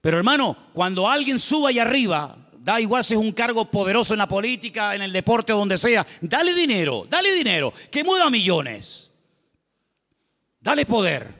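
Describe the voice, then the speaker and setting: Canarian pastor, high voice, emphatic, repetitive, long church reverb. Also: male voice, lively intonation, moderate pace, fairly bright tone. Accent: Canarian Spanish. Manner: emphatic, repetitive, humorous asides. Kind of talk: sermon. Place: church sanctuary.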